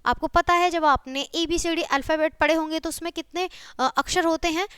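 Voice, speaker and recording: A woman teaching a children's lesson, patient and checking often that the children follow, spelling out sounds slowly one by one. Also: very high voice, fairly even intonation, a bit bright, no echo, clean studio sound. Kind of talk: classroom video lesson for children.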